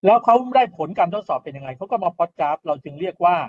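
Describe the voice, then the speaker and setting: Talking at a racing clip with lively intonation, this high-pitched male engineering lecturer gives an informal recorded lecture over phone-quality sound. He breaks things down step by step, keeps asking "right?", and sprinkles in polite particles.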